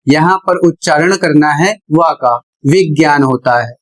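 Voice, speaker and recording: A male teacher giving a classroom-style lesson, deliberate and spelling things out letter by letter with pauses. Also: a little high, poor audio.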